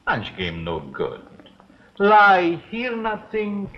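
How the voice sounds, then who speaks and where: Very old man, evasive shopkeeper, halting broken English, fairly high swooping voice, dull vintage film sound. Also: wildly swooping pitch, a bit bright, a little hiss or hum, exaggerated voice. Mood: evasive, wary. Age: older. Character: very old, evasive, wary male herb shop keeper. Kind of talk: 1930s film acting.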